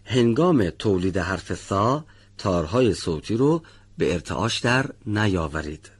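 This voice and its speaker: A man teaching the pronunciation of a letter in a radio lesson, reading model words slowly and drawn out, then correcting learners one by one. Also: on the low side, lively intonation, slightly rough. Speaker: Quran recitation teacher.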